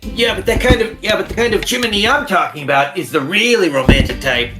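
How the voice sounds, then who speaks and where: A man voicing a goofy, boastful young man from a game, ad-libbing crude lines in a deadpan way. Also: sits high, brisk, over music, lightly acted.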